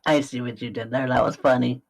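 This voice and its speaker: A man's voice: mid-range voice, fairly even intonation, brisk, creaky. A man voicing a blunt, flippant orphan kid in a tabletop game, teasing the others.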